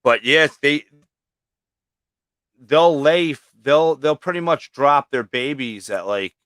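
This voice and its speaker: A man talks loosely about his reptiles, sprinkling in swear words and fillers. His voice is bright and clean, with a crisp edge. The sound is dry, with no room echo. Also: fairly high pitch, slow. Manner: casual, swears often, many fillers. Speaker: livestream host and snake breeder. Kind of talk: casual chat.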